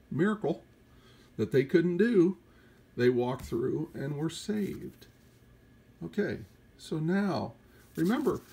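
A man's voice: mid-range voice, vocal fry, a little mellow, husky. A man teaching scripture in a sermon, emphatic and full of rhetorical questions. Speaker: preacher.

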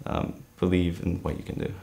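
A seventeen-year-old young man born in Korea, answering interview questions earnestly with frequent "um" pauses, in a studio. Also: sits low, little pitch movement, vocal fry, mellow. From born in Korea, raised in New Jersey. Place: studio against grey backdrop.

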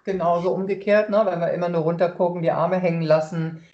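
A woman's voice: fairly low pitch, little pitch movement, fast talker. Woman, interview guest, reflective, thinking aloud, roomy echo, dull lo-fi sound. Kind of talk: casual interview chat. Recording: roomy, dull remote audio.

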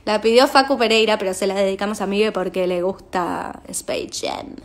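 A young Argentine woman, a singer, chatting casually on a phone livestream and reading fan messages aloud with quick asides. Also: medium pitch. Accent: Argentine Spanish.

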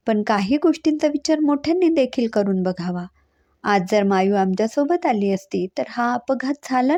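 A woman voicing an earnest young mother who reasons firmly and gently reproaches her elderly mother-in-law in a read-aloud story. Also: on the high side, no echo. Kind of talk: storybook reading.

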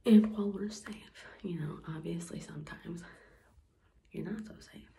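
A woman's voice: fairly low pitch, unhurried, gravelly, slight background noise. A young woman whispering a casual vlog at home early in the morning, rambling with lots of fillers so she won't wake anyone. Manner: whispering to keep quiet, rambling with many fillers. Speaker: vlogger.

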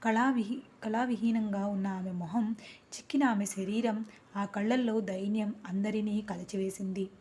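A woman narrating a dramatic family story in an earnest, expressive reading voice. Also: mid-range voice, moderate pace.

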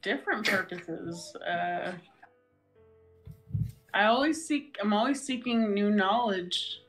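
A woman playing a tabletop game, talking in a hesitant, halting way and giggling now and then. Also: mid-range voice, fairly bright tone, soft background music, poor audio. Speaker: player. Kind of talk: tabletop role-play, in and out of character.

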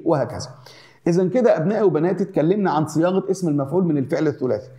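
A man with an Egyptian accent explains grammar to his students at a rapid clip. His tone is warm and mellow, and he sits a little higher than most men. He keeps circling back to the same examples, chanting them in rhythmic lists. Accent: Egyptian Arabic. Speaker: Arabic teacher. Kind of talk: classroom grammar lesson.

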